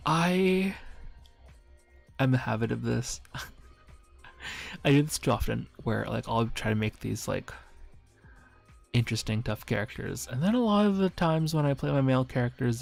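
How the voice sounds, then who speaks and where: A man with a gravelly, fry-edged voice chats loosely on a stream about tabletop gaming, rambling and giggling at his own jokes. Soft music plays faintly behind him. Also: mid-range voice. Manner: rambling, giggly, self-mocking. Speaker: streamer and dungeon master. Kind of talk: casual stream chat reviewing memes. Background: faint background music.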